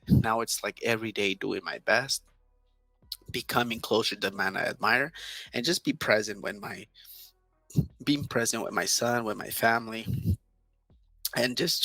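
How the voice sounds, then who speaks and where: A man in his thirties, a native Spanish speaker from Southern California, speaks earnestly as a guest in a casual interview, full of fillers and restarts. His lowish voice sounds pushed and bright in a low-quality recording with no room sound.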